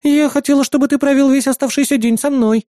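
A man's voice: very high-pitched, steady tone, fast talker, dark tone, no room sound, clean studio sound, voice pushed up. A man voicing a sweet, devoted young girl, the narrator's little sister, who talks in an affectionate, pleading way. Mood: tender.

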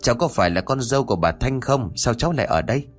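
A man's voice: mid-range voice, expressive, fast talker, husky, soft background music. A man voicing an older village woman, a kind neighbor who soothes and reassures a frightened girl in a told story. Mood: soothing. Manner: soothing, chatty.

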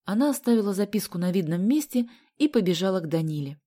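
A woman narrating a children's adventure audiobook with expressive storytelling. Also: mid-range voice, fast. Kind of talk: scripted narration.

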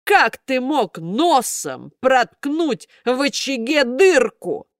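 Storybook puppet master, loud and blustering, gruff bellower; played by a woman. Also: sits high, big pitch swings, slow, no echo, studio quality, voice pushed up, exaggerated voice. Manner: bellowing, snorting, sneezing explosively.

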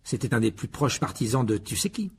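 A man's voice: mid-range voice, very animated, a little fast, vocal fry, a little hiss or hum. A man voicing a playful, easygoing teenage boy wizard in an audiobook.

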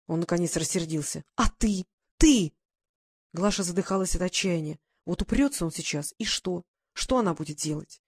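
A woman's voice: on the low side, fairly quick, few pauses, husky, no room sound, clean studio sound. Woman narrating an audiobook.

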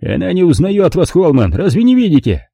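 A brash young police inspector blurts out his story in rattled, coarse bursts, pitched noticeably higher as a male narrator puts him on. The storybook delivery is dark and husky. The sound is dry and close. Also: huge pitch swings, a little fast, dry recording, heavily acted. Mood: insistent. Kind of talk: audiobook character voice.

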